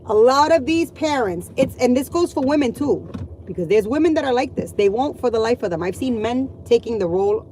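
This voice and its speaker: A woman's voice: on the high side, animated, brisk, mellow, a little hiss or hum, rough recording. A middle-aged woman and mother venting to her viewers in a blunt, profane, exasperated rant. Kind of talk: ranting vlog monologue.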